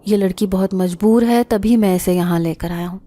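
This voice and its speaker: A woman's voice: medium pitch, dark tone, close to an everyday voice. A woman voicing a mysterious, protective young man who speaks in a grave, solemn tone in a story reading. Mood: calm.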